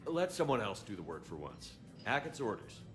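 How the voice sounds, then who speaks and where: An actor playing a calm male military commander with dry humor. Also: fairly low pitch, normal speed, faint music behind.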